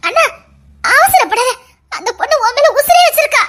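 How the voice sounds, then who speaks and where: A woman with a Tirunelveli accent playing a gentle younger sister who earnestly implores her brother. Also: very high voice, very animated, normal speed, full character voice. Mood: anxious, imploring. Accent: Tirunelveli Tamil. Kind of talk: comedy skit drama.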